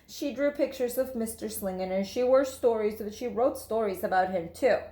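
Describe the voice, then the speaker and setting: A woman teacher reads a storybook aloud to children, expressive and emphatic, speaking straight to her listeners. Her voice is a little high and her pace moderate.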